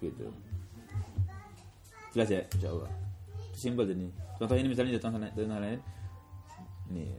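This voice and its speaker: A man teaching Quran recitation rules in a casual classroom way, often slowing down to demonstrate sounds in a drawn-out voice. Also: lowish voice, soft background music. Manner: relaxed, repeats filler words often.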